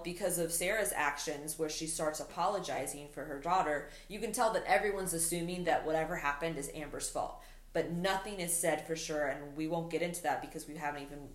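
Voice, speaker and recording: A woman co-hosting a casual TV recap, talking in a rambling way with many fillers and restarts. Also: low voice. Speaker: podcast co-host. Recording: roomy echo.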